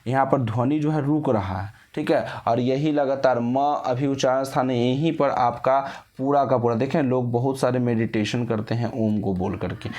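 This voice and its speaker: सवाल पूछकर खुद जवाब देने वाला हिंदी शिक्षक, पुरुष. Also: male voice, medium pitch, moderate pace, few pauses, darkish tone. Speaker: teacher. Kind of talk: exam-prep lesson.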